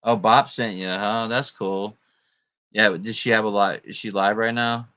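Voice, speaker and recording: Deep-voiced laid-back male streamer. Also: steady tone, measured pace, pushed and bright, smooth, dry recording, muffled recording. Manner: laid-back, lots of fillers and laughs. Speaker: livestream host. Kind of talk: casual livestream chat.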